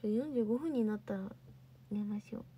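A woman's voice: medium pitch, fast talker, warm tone, husky. A young woman hosting a casual livestream, chatting and answering viewer comments. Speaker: idol livestream host.

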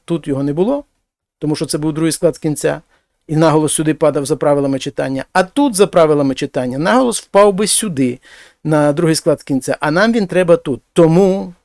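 Male language teacher, slightly high voice, patient explanations, dry close recording. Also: dry recording. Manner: explains slowly, speaks example phrases louder and higher. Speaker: Spanish teacher. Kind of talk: language lesson.

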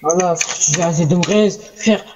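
A man's voice: high-pitched, moderate pace, background noise. A man streaming a game live, chatting casually, swearing and trash-talking at other players. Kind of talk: casual live gaming chat.

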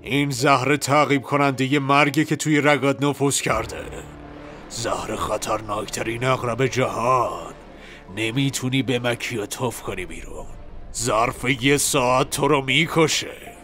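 A man voicing a cruel male bandit villain who speaks slowly and menacingly, drawing out his words. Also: medium pitch, fairly even intonation, sharp tone, soft background music, natural voice. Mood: gloating. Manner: slow, drawn-out, menacing.

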